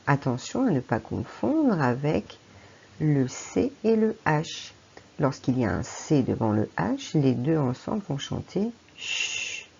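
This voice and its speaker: A woman's voice: low-pitched, gravelly, mellow, breathy edge, lo-fi sound. A French woman teacher giving a patient phonics lesson to a young child, speaking to the child directly. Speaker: primary school teacher.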